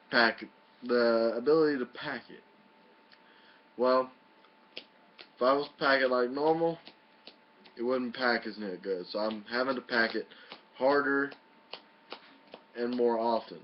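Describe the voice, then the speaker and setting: Slow and given to long pauses, a man with a medium-pitched voice offers a folksy, mildly profane review in a casual home video. The sound is muffled, lo-fi home video audio.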